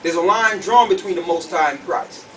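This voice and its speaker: Through a distant microphone and faint background noise, a man whose voice sits high preaches at a normal speed. He works through scripture verse by verse in an emphatic, teacherly manner, asking short questions to make sure everyone understands.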